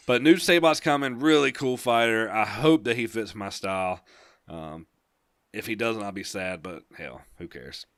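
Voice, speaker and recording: Speaking a little slowly, a young podcast co-host with a lowish, slightly bright voice rambles happily through gaming news and laughs easily. The sound is close and dry, with no echo.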